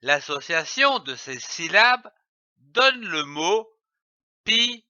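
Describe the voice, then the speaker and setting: A man leads a reading lesson for young children, over-articulating each sound and spelling syllables letter by letter. His delivery is very slow, and his voice is bright and lively. The recording is dull and lo-fi, with a dry, close sound. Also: on the high side, dry recording. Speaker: reading teacher.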